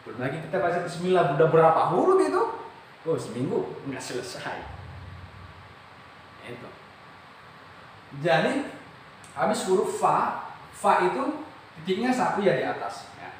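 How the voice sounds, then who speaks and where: A man's voice: sits high, wildly swooping pitch, slight background noise. An Indonesian man teaching Quran reading, explaining patiently and often checking that his listeners follow. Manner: explains slowly, often checks understanding, stretches out recited syllables. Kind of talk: classroom lesson. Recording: very echoey room from far off.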